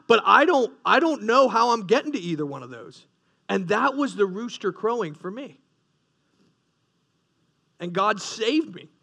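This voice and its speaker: A man's voice: high-pitched, creaky, pushed and bright. A man preaching a sermon, full of rhetorical questions and repeated, restarted phrases. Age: adult, past his teens. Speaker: pastor.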